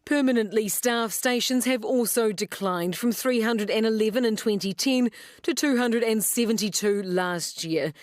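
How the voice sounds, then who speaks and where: A woman's voice: fairly high pitch, moderate pace. A woman with a New Zealand accent narrating a scripted news report as a reporter.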